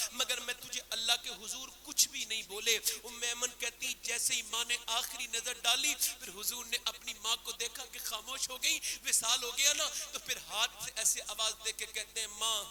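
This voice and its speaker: A man's voice: very high-pitched, pushed and bright. A man preaching an emotional religious sermon, telling stories with passion and slipping into melodic, chanted phrases, with frequent exclamations between passages.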